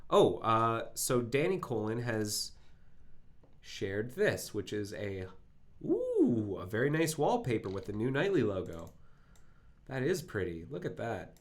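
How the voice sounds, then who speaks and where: With a lowish voice that swings hugely in pitch, a man with a cold-thickened, phlegmy throat runs a live coding stream. He thinks out loud in halting speech, full of fillers and self-corrections.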